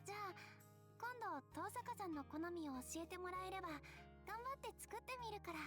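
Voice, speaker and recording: An actress voicing a gentle, eager-to-please schoolgirl, speaking politely and shyly in a game. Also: very high-pitched, lively intonation, very fast, faint music behind. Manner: polite and shy. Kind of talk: game voice acting.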